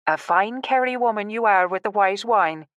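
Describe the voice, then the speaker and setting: A woman's voice: medium pitch, moderate pace, fairly bright tone, no room sound, dull audio, close to an everyday voice. A woman voicing a friendly, outgoing country man who talks in a hearty, teasing way in an audiobook.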